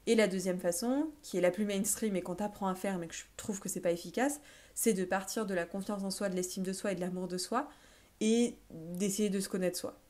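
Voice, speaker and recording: A woman life coach talking straight to her viewer in an informal self-help video, pausing often on fillers as she explains. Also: medium pitch, a little mellow. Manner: informal, addresses the listener as tu, many filler pauses.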